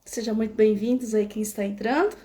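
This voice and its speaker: With a fairly high, mellow voice and a fairly quick pace, a young São Paulo woman hosts an informal livestream from her home in Spain. Her Brazilian accent comes through as she tells her story, restarting often and using many filler tags, captured on a webcam or phone camera.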